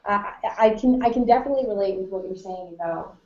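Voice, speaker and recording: A woman from Canada hosts a casual online webinar over a video call, talking in an eager, chatty flow. Her voice is mellow and warm. The call audio sounds dull and lo-fi. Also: medium pitch, fast. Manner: enthusiastic, chatty, frequent fillers. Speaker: host.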